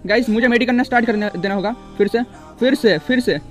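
A young man giving excitable, casual commentary over gameplay, repeating words in rapid bursts. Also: very high voice, soft background music. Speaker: gaming YouTuber.

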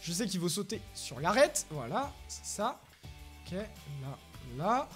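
A gaming YouTuber doing Let's Play commentary, excitable and bursting into shouted frustration when he fails, reading English quiz lines haltingly. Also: mid-range voice, faint music behind. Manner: reads English quiz questions haltingly with French pronunciation.

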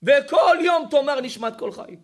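A man voicing a dead son shouting his plea. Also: extremely high pitch, lively intonation. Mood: pleading. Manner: shouting, drawn-out pleading. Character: dead young man pleading with his father.

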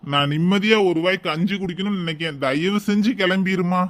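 A man's voice: high-pitched, fairly quick, fairly bright tone. A man voicing a selfish, busy older brother who brushes off his sister in a cartoon. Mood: dismissive. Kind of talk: cartoon voice acting.

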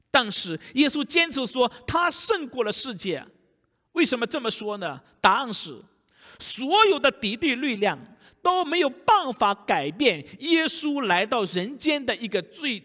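Male preacher, bright and forceful tone, live sermon in a church with long reverb. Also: very high voice. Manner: rhetorical questions to the congregation. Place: church sanctuary.

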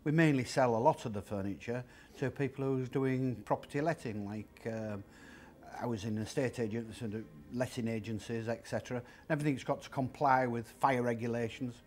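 Interviewed inside a big secondhand furniture warehouse, the shop's owner, a man in his fifties, speaks in a mid-range, darkish voice at a moderate pace. He chats plainly, showing old items and walking through how each is priced.

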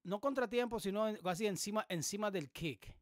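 A man hosting a music production tutorial, explaining things casually with many pauses and fillers. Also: sits high, dry recording, clean studio sound. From Dominican Republic. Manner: relaxed, explanatory, many hesitations. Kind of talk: casual screen-recorded tutorial. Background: beat playing in the background.

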